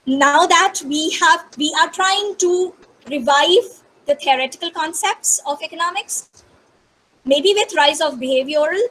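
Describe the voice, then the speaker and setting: A woman's voice: sits high, a bit bright, a little hiss or hum, low-quality recording. A woman, a guest lecturer giving thoughtful answers in a webinar Q&A over a video call.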